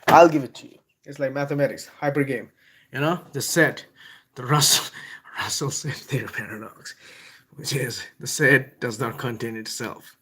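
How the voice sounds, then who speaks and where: A medium-pitched, slightly breathy man from Bangladesh talks at a moderate pace in a Bengali accent. As host of an informal livestream book review, he meanders irreverently, laughing between thoughts, and raises his voice to declaim the passages he reads aloud.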